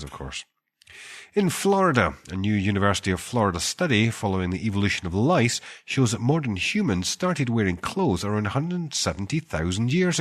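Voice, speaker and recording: A man with a cold, reading archaeology news as host with wry deadpan asides and a husky voice. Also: on the low side.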